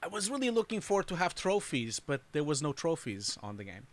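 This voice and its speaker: A man's voice: on the high side, very animated, fairly quick. A man hosting a live stream, chatting casually and rambling, laughing often. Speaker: host reviewing showreels. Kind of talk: casual livestream chat.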